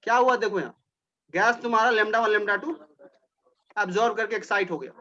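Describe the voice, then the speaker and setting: A man's voice: high-pitched, moderate pace, sharp tone, muffled recording. A male teacher giving a classroom lecture, explaining step by step, repeating points and speaking directly to his students.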